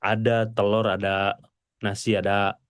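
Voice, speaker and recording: A male preacher giving a mosque sermon to a congregation, animated and pleading, swinging between loud exclamations and soft murmurs. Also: lowish voice, unhurried, smooth, no room sound, studio quality.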